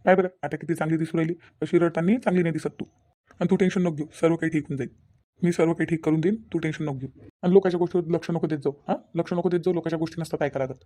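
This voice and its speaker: Give me an actor voicing a reassuring cartoon father with a Vidarbha accent, warm and very fast. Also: medium pitch, fairly even intonation, lightly acted. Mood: soothing. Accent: Vidarbha Marathi. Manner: reassuring, repetitive. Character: kindly father figure, soothing and protective. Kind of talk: cartoon voice acting.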